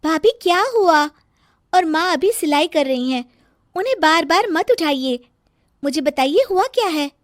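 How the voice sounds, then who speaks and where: A woman's voice: high voice, expressive, unhurried, no echo, studio quality, voice pushed up. A woman voicing a clever, cheeky young daughter in a cartoon, breezy and teasing.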